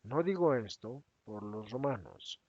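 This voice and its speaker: A man's voice: mid-range voice, expressive, measured pace, darkish tone, no echo. A man voicing Judas, a resentful and defensive adult apostle who protests in a raised, agitated voice. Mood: indignant. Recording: dry, slightly dull recording.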